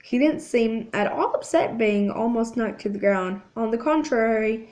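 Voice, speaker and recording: A woman hosting her channel, reading a book aloud in a halting way, often restarting lines. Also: fairly high pitch, darkish tone.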